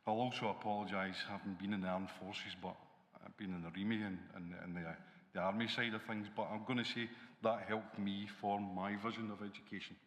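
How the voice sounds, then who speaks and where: A man's voice: on the low side, steady tone, a little fast, fairly bright tone. A middle-aged man with a Glaswegian accent, speaking as an educator on a conference panel. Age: 40s or 50s. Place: large hall on a conference stage. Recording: reverberant conference hall.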